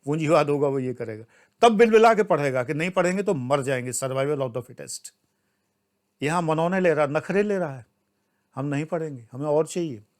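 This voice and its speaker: Older Indian man, exam-prep teacher, slightly high voice, forceful scolding lecture style. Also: expressive, moderate pace. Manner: emphatic and scolding, swings between loud outbursts and low asides. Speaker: civil services exam teacher. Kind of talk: lecture to online class.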